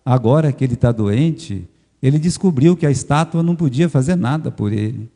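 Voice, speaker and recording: A man preaching with a Brazilian Portuguese accent, telling the story dramatically and swinging between loud emphasis and hushed asides. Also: medium pitch, expressive, normal speed. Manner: addresses the congregation as brothers. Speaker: pastor. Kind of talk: sermon. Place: church. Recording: long church hall reverb.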